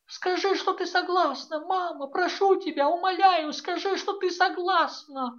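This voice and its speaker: A woman's voice: very high-pitched, a little slow, fairly bright tone, muffled recording, pitched above the performer's own voice. A woman reading an audiobook voices a tearful, pleading young daughter who speaks with theatrical pathos.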